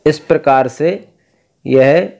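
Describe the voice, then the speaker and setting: A man teaching Vedic recitation, explaining pronunciation and chanting verses in slow, drawn-out tones. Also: a little high, vocal fry, a little mellow. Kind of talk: recitation lesson.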